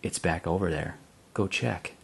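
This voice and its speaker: A man voicing his calm father brushing off an accusation. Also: sits low, unhurried, creaky, husky, heavily acted. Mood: dismissive. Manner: calm, dismissive. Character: calm middle-aged father.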